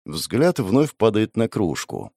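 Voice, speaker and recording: A man's voice: on the low side, wildly swooping pitch, slow pace, creaky, warm tone, slightly rough, no room sound. Dry, grumbling male audiobook narrator. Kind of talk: first-person audiobook narration.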